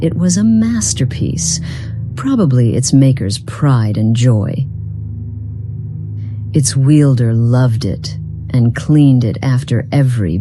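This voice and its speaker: A woman performs scripted fantasy game dialogue in a full character voice with a bass register. She plays an enigmatic, proud, long-lived part-human being, speaking formally and deliberately with archaic phrasing.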